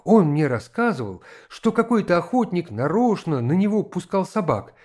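A man voicing a gentle, worried noblewoman mother in an audiobook reading, speaking softly and pleadingly. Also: sits high, sing-song, normal speed, pitched above the performer's own voice. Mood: concerned.

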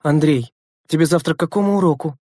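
A woman's voice: low voice, fast, warm tone, no room sound, clean studio sound. A woman reading a storybook and voicing a stern, weary teenage older sister who scolds her siblings. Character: harried older sister, teen girl, stern and tired.

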